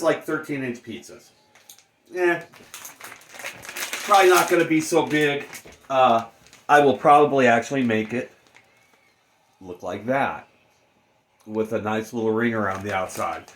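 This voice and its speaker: A man hosting a casual cooking demonstration, talking in laid-back stoner slang. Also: mid-range voice. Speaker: cooking show host. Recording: roomy, distant mic, faint noise.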